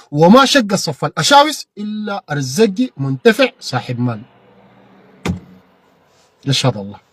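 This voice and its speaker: A man with a Sudanese Arabic accent giving an impassioned political monologue, repeating phrases and bursting into shouted peaks. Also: fairly high pitch, husky, dry recording, studio quality. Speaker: political commentator.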